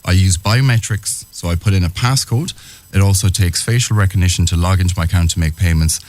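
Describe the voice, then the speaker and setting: A man giving a personal account as a radio interview guest, speaking earnestly with halting, hesitant phrasing. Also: low voice, low-quality recording. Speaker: interviewed guest, small business owner.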